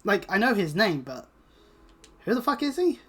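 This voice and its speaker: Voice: mid-range voice, very animated, moderate pace, a bit bright, husky. A British let's player giving casual, rambling gameplay commentary with plenty of swearing and sarcasm. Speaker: video game let's player. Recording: game music behind the voice. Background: video game music.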